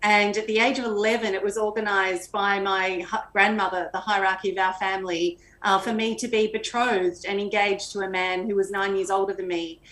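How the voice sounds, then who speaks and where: A middle-aged woman speaks as an interview guest, reflective and sincere as she tells her story. She is on a video call from a room at home, and the sound is roomy and echoey. Her voice sits at a medium pitch. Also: flat delivery, fairly quick, hardly any pauses, fairly bright tone. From Australia. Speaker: guest, magazine editor. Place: home room with flowers and shelves.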